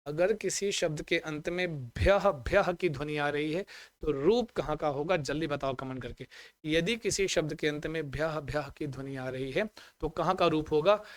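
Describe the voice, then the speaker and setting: A man teaching a Sanskrit exam-prep lesson online, chanting word forms slowly and coaxing his students with questions he answers himself. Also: a little high, no echo. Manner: asks the class questions and answers them himself.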